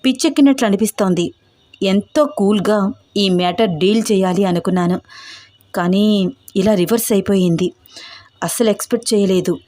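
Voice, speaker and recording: A woman's voice: medium pitch, normal speed, pauses often, dark tone, dry recording, clean studio sound, close to an everyday voice. Woman reading as a pleading young man. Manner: pleading, anxious.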